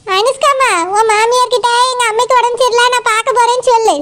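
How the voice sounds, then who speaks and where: A woman's voice: very high-pitched, steady tone, quick pace, background noise. A woman voicing a doting, crafty village mother in a cartoon, with a Tirunelveli Tamil accent. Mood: plotting. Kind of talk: cartoon voice acting.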